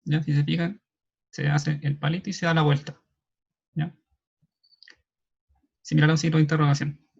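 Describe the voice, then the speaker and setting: A man with a Chilean Spanish accent explaining signs in an online class, checking in often with a quick questioning "ya". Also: on the high side, flat delivery, vocal fry, breathy edge. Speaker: sign language class moderator. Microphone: video call. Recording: dull lo-fi video call audio.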